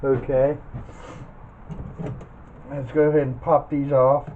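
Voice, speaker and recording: Taking things slowly, a man with a medium-pitched voice and little pitch movement walks through a hands-on scrapping demonstration. The hobbyist is plainspoken and down-home, talking to himself as he dismantles things. The sound is muffled like a phone call, with loud noise behind him.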